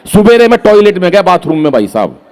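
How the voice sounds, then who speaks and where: Comic poet on stage, high-pitched male voice, storytelling with acted quotes. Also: big pitch swings, fast talker, darkish tone. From Haryana. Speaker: stand-up poet. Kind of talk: comic poetry stage performance.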